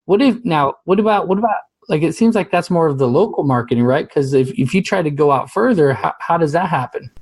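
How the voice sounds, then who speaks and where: A man's voice: fairly high pitch, lively intonation, a little fast, hardly any pauses, breathy edge, no room sound. A man hosting a podcast interview, talking in a conversational way and checking in with his guest. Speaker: podcast host. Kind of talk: casual interview.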